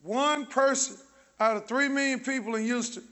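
A man preaching an energetic sermon in a church, calling out to the congregation, joking and shouting for responses. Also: very high voice, moderate pace. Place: church sanctuary.

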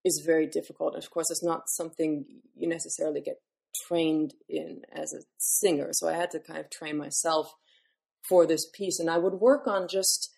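A woman's voice: deep voice, fairly even intonation, normal speed, creaky, a little mellow. A woman who is a classical singer, speaking as a guest in a podcast interview and explaining her work in a thoughtful way with many fillers.

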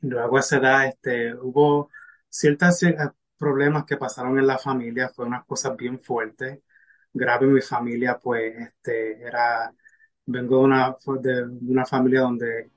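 A man's voice: medium pitch, level tone, a little slow. A middle-aged man with a Puerto Rican accent, a preacher guesting on a podcast, talking in a hesitant way with many fillers. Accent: Puerto Rican Spanish. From Puerto Rico. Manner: hesitant, many fillers and restarts while telling his story.

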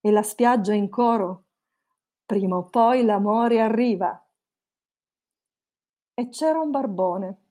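A woman recites satirical rhyming verse with a mellow, warm tone. Her delivery has a sing-song lilt that bounces from one rhyme to the next. She carries each comic tale at a steady, middle pitch.

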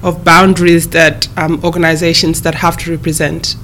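A woman in her thirties who grew up in East Africa, a guest answering interview questions in a measured, careful way with frequent pauses and restarts. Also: low-pitched, level tone, fairly bright tone, slight background noise. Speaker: guest, human rights advocate.

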